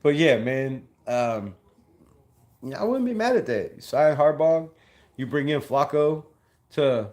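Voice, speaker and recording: A young man from Southern California hosts a casual fan channel livestream, reading chat comments and repeating himself in loose, slangy talk. His voice sits on the high side, expressive and darkish in tone, with a measured pace and long pauses.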